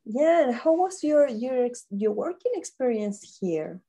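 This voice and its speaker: A woman hosting an interview, asking her questions in a halting, hesitant way with many fillers. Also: a little high, sing-song, mellow, breathy edge. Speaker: host.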